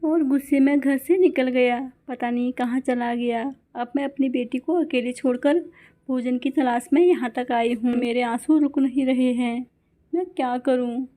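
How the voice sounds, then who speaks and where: A woman's voice: sits high, fairly even intonation, moderate pace, warm tone, natural voice. A woman voicing Gori, a loving mother bird who is upset and tearful. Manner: tearful, pleading.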